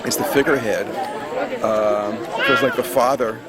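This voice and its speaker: A man, a musician, giving a reflective informal tribute speech at a gathering, pausing with hesitant fillers. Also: mid-range voice, steady tone. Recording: loud crowd noise.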